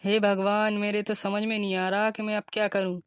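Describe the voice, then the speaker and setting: A woman's voice: medium pitch, brisk, smooth, no echo, clean studio sound, close to an everyday voice. A woman voicing an anxious, pleading older mother-in-law in a cartoon. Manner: pleading, flat even delivery. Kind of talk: cartoon voice acting.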